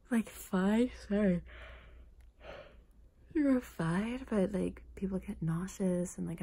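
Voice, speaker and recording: A woman speaking softly in a casual, personal ASMR style, hushed and breathy, often slipping into a whisper. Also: fairly low pitch. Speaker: ASMR content creator. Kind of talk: soft-spoken ASMR, casual personal talk.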